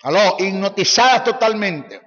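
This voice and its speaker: Brief: male Bible teacher, high voice, forceful and mocking, repetitive sermon, echoey lo-fi hall recording. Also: animated, normal speed.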